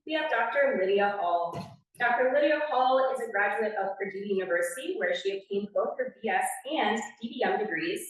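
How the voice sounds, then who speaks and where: A woman with a Wisconsin accent stands at an award ceremony and reads out each winner's background, adding a quick aside now and then. Her voice sits in a middle pitch. The recording is distant and very reverberant, as if taken from the back of a large conference hall. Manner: announcing, reading scripted bios with brief asides. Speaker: award presenter. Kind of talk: reading award introductions. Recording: echoey hall from far off.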